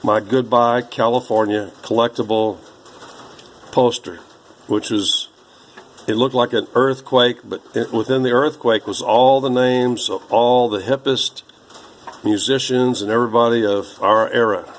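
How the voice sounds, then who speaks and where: A man in his sixties, rambling slowly through old papers, halting with many fillers. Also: medium pitch, steady tone, slight background noise, poor audio. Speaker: vlogger.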